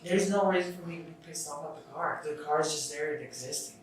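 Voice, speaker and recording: A man's voice: fairly high pitch, fast. A young man hosting a casual self-help podcast, rambling through his thoughts with restarts and casual swearing. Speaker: podcast host. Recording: echoey room, far from the mic, faint noise.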